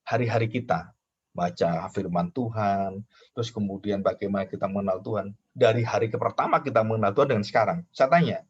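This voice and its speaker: A man's voice: on the low side, fairly quick, breathy edge. A man preaching a sermon, rhetorical and repetitive, often addressing his listeners directly. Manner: rhetorical, repeats phrases, addresses listeners as brothers. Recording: dull lo-fi recording.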